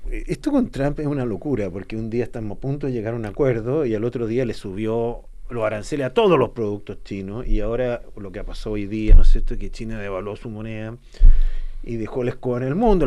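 A man's voice: medium pitch, mellow. A Chilean man leading a casual current-affairs conversation, chatty and quoting others with little asides. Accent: Chilean Spanish.

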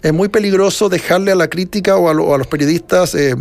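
High-voiced rambling Chilean man. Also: fast, a little mellow. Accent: Chilean Spanish. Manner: rambling, many restarts and fillers, reflective. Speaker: author being interviewed. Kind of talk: casual interview conversation.

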